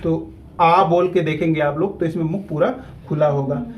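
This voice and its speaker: A man, teaching a grammar lesson at a whiteboard. He repeats key terms slowly and deliberately so students can keep up. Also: a little high, steady tone, a little hiss or hum, poor audio.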